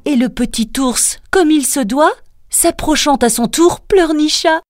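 A woman reading a fairy tale aloud as a storyteller, slow and singsong. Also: sits high, no echo, studio quality. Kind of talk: scripted fairy-tale narration. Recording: narration over soft music.

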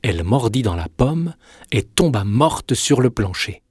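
A man narrating a fairy tale in a measured, expressive reading. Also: mid-range voice, husky, no echo, studio quality. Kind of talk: storybook narration.

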